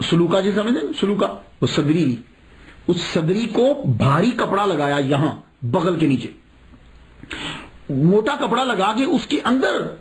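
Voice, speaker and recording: Lively male preacher telling a story. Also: sits high. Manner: animated, rhetorical questions, chuckles. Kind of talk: religious storytelling sermon.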